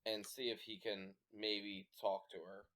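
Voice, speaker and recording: A man's voice: lowish voice, level tone, measured pace, a bit bright. A man playing a tabletop game, casually describing what his character does. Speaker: player. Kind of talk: tabletop role-play.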